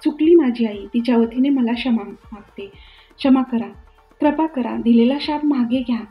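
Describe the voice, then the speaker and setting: A woman voicing an earnest young princess who begs softly for forgiveness. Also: a little high, moderate pace, muffled recording, soft background music, close to an everyday voice. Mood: pleading.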